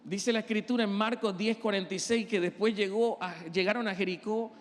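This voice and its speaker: A man's voice: high voice, fairly even intonation, a little fast, big-room sound. A male pastor preaching an impassioned sermon and acting out the voices of the people he quotes.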